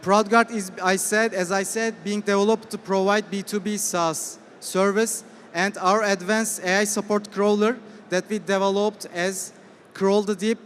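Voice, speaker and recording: A man with a Turkish accent giving a business pitch in halting, hesitant English. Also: fairly bright tone. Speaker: startup presenter. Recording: reverberant hall with faint noise.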